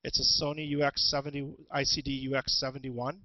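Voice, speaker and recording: A man presenting an instructional webinar as a teacher, talking through tools in a halting way with many ums and restarts, on a headset. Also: medium pitch, level tone, dull audio. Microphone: headset with headphones.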